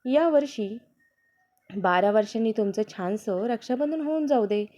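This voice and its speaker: A woman's voice: a little high, animated, measured pace, warm tone. A woman voicing a playful, affectionate young husband in a read-aloud family story, on a dull lo-fi recording. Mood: tender. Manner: teasing, affectionate.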